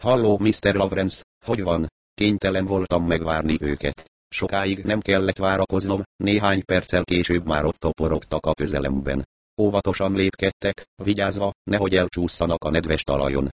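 A low-pitched man reads a story aloud in a calm, even way. The sound is close and dry, with no room around it. He lifts his voice a little for the characters' lines. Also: no room sound. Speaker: audiobook narrator. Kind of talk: scripted narration.

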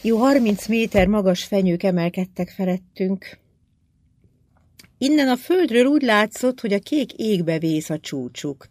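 An audiobook narrator reading a story in a steady, measured way. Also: medium pitch, dry recording. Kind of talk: scripted narration.

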